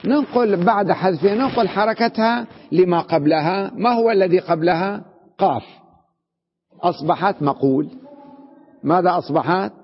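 A man teaching a grammar lesson, who poses questions to his class, answers them himself and repeats each word slowly. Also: sits high, a little hiss or hum. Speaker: sheikh teaching Arabic grammar. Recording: dull lo-fi recording with long reverb in a hall.

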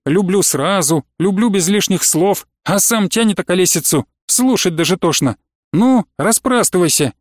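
A man's voice: high-pitched, lively intonation, normal speed, dry recording, studio quality. A male narrator voicing a good-humoured young man who teases his friend. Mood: teasing. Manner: teasing, jovial.

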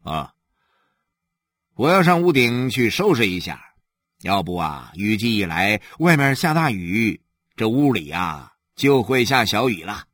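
An easygoing father from a novel, as a male reader does him, speaking in a relaxed, slightly husky voice. He answers his children with calm good humor, recorded close and dry. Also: fairly low pitch, unhurried, no echo, heavily acted.

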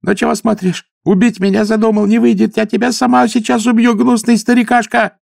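A man voicing a possessed young woman who screams vicious curses in a shrill voice. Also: flat delivery, fairly quick, vocal fry, darkish tone, no room sound, studio quality. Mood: furious shrieking.

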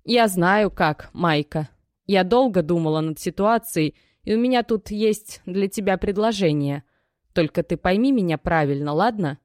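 Reading an audiobook, a woman performs the part of a desperate young mother whose tear-worn, dry and cracked voice trembles as she pleads, tearful and reproachful. The delivery is lightly acted, lowish and darkish at a moderate pace, in a dry recording.

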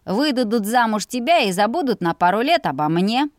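A woman voicing a sulky, bookish young man who grumbles slowly. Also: on the high side, animated, dry recording, studio quality, close to an everyday voice. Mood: sullen. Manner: grumbling, slow, sullen.

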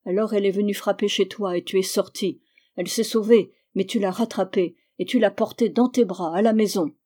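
A furious, jealous island man hisses his threats in a hushed, menacing voice, raised somewhat louder and higher than plain narration, as a woman reads him in an audiobook. The tone is mellow and dark. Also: fairly even intonation, brisk, close to an everyday voice. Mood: grim.

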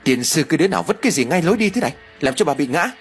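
A man voicing a fussy, quick-tempered village mother who wails and scolds. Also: mid-range voice, very animated, faint music behind, natural voice. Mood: cursing. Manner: scolding, wailing, cursing.

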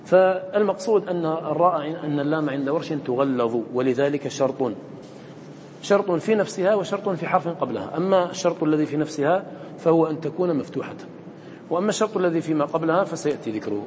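Male teacher, fast lecture, quizzes students, echoey hall, faint noise. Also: fairly high pitch, animated, darkish tone. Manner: explains step by step, quizzes students with short questions. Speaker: teacher of Quran recitation. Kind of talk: classroom lesson explaining a poem.

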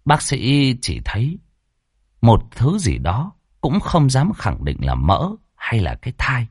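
A man's voice: mid-range voice, wildly swooping pitch, slow, husky, dry recording, studio quality. Dramatic male horror-story narrator.

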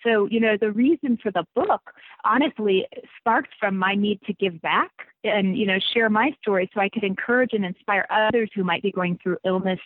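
A woman's voice: mid-range voice, normal speed. A woman in her forties, an interview guest telling her personal story in a prepared way over the phone. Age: 40s. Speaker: interview guest, author and musician. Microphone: telephone. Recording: tinny, echoey phone line.

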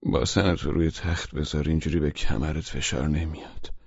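A man voicing a curt, gruff young man stuck in bed and in pain, giving short, blunt instructions in an audiobook. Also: steady tone, no echo, dull audio, exaggerated voice. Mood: instructing. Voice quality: very deep and gravelly. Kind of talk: audiobook character reading.

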